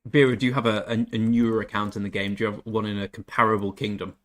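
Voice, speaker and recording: Speaking fast in a fairly low, level voice, this young man from England banters on his game stream. He reads viewers' messages out loud and makes fun of himself in a chatty way.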